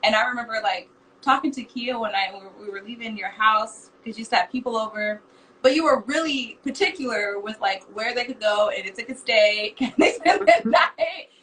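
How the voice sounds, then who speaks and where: A woman's voice: fairly high pitch, brisk, fairly bright tone. A woman guest in a casual chat, talking hesitantly and searching for words. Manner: hesitant, many fillers and restarts. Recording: distant mic with faint background noise.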